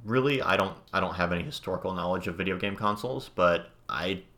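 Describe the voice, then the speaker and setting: A man with a notably low voice talks casually on a podcast. He hedges, restarts his sentences and slips into dry sarcasm. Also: quick pace, pushed and bright. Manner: sarcastic, hedging, restarts often. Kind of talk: casual chat.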